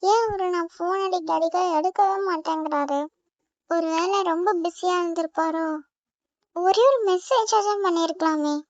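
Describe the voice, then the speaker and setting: A woman voicing a fretful young woman, very high voice. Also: normal speed, no echo, lo-fi sound. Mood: worried. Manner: fretful, muttering to herself. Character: anxious young woman waiting on her lover.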